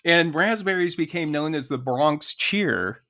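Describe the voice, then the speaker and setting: A man's voice: a little high, expressive, a little slow, pushed and bright, dry recording. A man co-hosting a podcast, telling stories in a casual chat and laughing often. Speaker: podcast co-host.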